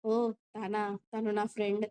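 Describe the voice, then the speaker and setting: A woman's voice: mid-range voice, monotone, unhurried, warm tone, smooth, close to an everyday voice. A woman voicing an arrogant, careless young husband who talks brusquely and teases, reading him in a storybook telling. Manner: brusque and teasing.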